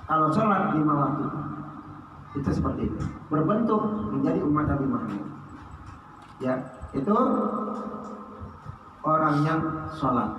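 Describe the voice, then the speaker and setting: A man preaching and telling a story. His voice sits a little high, and he swings between loud high exclamations and low hushed lines. He is recorded from a distance in a long, echoing hall with clear background noise. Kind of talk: sermon storytelling. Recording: echoey hall, heard from a distance.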